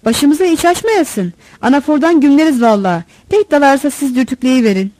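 A woman's voice: sits high, animated, normal speed, a little mellow, no room sound, pitched above the performer's own voice, low-quality recording. A woman voicing a cheeky, smarmy male truck driver's helper who talks in a carefree, teasing way, in a storybook reading.

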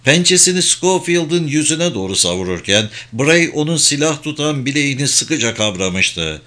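A man reading a thriller novel aloud in a measured, dramatic narration. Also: fairly high pitch, sing-song, pushed and bright. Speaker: audiobook narrator. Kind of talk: scripted audiobook narration.

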